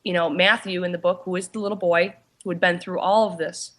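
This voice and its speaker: Halting woman telling a story in an interview. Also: lowish voice, fairly even intonation, a bit bright. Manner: halting, with frequent "you know" and restarts. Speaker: interview guest, paranormal investigator and author.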